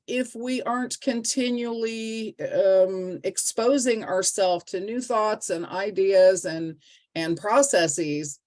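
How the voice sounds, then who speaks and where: A woman hosting an interview, speaking in an unhurried way with many fillers. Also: fairly low pitch, a little mellow. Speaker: host. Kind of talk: interview conversation.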